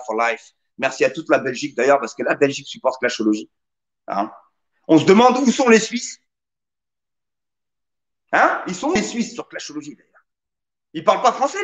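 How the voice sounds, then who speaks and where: Guy hosting live radio, joking around with the chat, high lively voice. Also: lo-fi sound. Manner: joking, teasing, animated. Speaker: radio host. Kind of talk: live show banter reading the chat.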